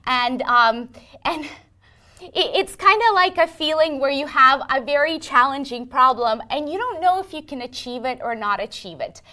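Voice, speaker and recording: A woman's voice: sits high, animated, normal speed, pushed and bright. Earnest Ukrainian-born woman explaining her work. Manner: earnest, explains with vivid analogies. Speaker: interviewee, software engineering manager. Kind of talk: conversational interview.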